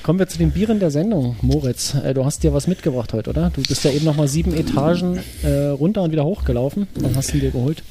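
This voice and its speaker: A man co-hosting a casual podcast, chuckling often and filling pauses with "äh". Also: a little high, noisy background. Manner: chuckling, filler-heavy talk. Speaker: podcast co-host.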